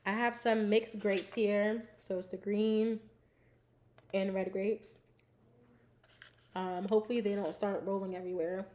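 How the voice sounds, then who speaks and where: A young woman with a mid-range voice hosts a relaxed live stream, bubbly and giggly as she chats with her viewers. She peppers her talk with "like" and sometimes speaks while nibbling on snacks. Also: mid-range voice, slow pace, pauses often. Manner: bubbly and giggly, fills speech with "like". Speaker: livestream host. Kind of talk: casual chat with live viewers.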